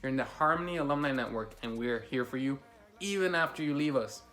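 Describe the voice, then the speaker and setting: A man's voice: medium pitch, lively intonation, fast talker, fairly bright tone. A young man, a school alumnus, giving a casual and encouraging recorded graduation message with plenty of slang fillers.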